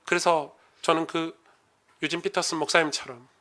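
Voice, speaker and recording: Guy pastor giving a sermon, highish voice, goes quiet then gets loud and climbs up. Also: steady tone, moderate pace. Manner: swings from hushed to loud and rising when preaching.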